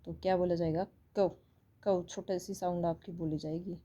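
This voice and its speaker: A woman's voice: lowish voice, fairly even intonation, normal speed, dark tone, dull audio. A woman with an Indian accent teaching English phonics online, explaining patiently and repeating each sound.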